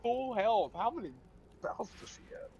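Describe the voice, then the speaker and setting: A man's voice: extremely high pitch, expressive, moderate pace, a little mellow, highs cut off. A man playing a co-op game, often flustered and unsure what is happening. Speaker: player in multiplayer game. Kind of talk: casual gaming chat.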